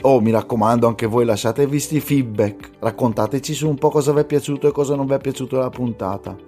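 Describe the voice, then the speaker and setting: A man's voice: medium pitch, fast talker, dark tone, soft background music. Casual northern Italian man with Lombard accent. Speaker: podcast listener giving a promo. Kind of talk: casual colloquial promo message.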